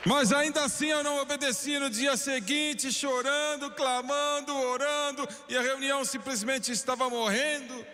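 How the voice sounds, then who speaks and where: A man with a Brazilian Portuguese accent giving a dubbed sermon, telling a story fervently and swinging from hushed lines to emphatic ones. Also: very high-pitched, fairly even intonation, moderate pace, hardly any pauses. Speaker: preacher voice-over in Portuguese. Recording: long hall reverb.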